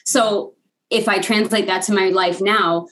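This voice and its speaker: A woman speaker and coach, a guest on an interview show, telling her story with lively, candid energy and easy laughter. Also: medium pitch, measured pace, poor audio. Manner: lively, laughs easily, acts out quoted voices.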